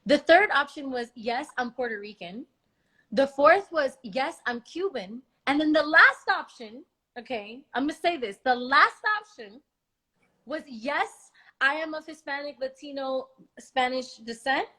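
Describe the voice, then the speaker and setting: A young woman from Miami, hosting a casual talk, speaking frankly and profanely with animated exasperation. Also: high voice, unhurried. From Miami, United States. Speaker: podcast host. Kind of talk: casual conversation.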